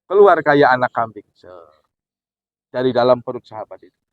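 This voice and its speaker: A man preaching who tells a story in an animated way, acting out the dialogue as he goes. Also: mid-range voice, normal speed, dry recording. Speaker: Islamic preacher. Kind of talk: sermon storytelling. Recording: dull, dry recording.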